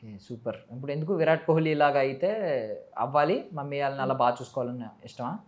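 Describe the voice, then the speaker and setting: A woman hosting a casual chat interview with a young guest. Her voice sits low for a woman, and she fires off her questions rapidly. She teases him playfully and slips English words into her talk. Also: a little mellow, muffled recording.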